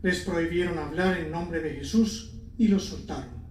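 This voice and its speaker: A man's voice: a little high, moderate pace. A man reading scripture and psalms as a lector, solemn and formal, in an echoing church. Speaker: lector at Mass. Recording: echoey church, distant mic, faint noise.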